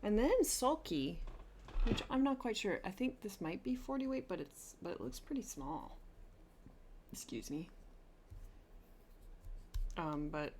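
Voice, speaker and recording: A woman's voice: medium pitch, very animated, unhurried, long pauses, a little mellow, slight background noise. A woman hosting a craft vlog, chatting eagerly and gushing as she shows a haul, often restarting her sentences. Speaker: flosstube host. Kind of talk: casual chat showing a haul.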